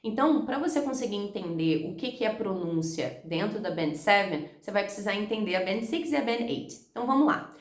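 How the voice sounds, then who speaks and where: A woman's voice: medium pitch, lively intonation. Young Brazilian woman, Rio accent, teacher explaining test tips to camera, echoey room. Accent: Rio de Janeiro Portuguese. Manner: direct, talks to viewer as "you", models English phrases slowly. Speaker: English teacher.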